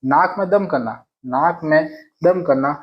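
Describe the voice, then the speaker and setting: A man's voice: a little high, a little slow. A man teaching exam grammar in a casual classroom way, repeating each sentence and asking and answering his own questions. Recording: dull lo-fi sound.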